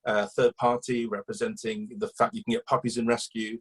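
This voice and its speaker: A man's voice: mid-range voice, level tone, a little fast, slightly rough, low-quality recording. A man, a campaigner telling a long chatty story in an interview, rambling with fillers and restarts. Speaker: guest, animal welfare campaigner.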